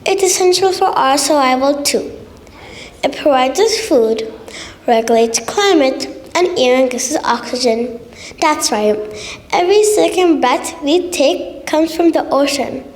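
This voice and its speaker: Child contestant, high voice, stiff memorized speech delivery, recorded in a reverberant hall. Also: expressive, unhurried. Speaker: contest speaker. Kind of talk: prepared competition speech.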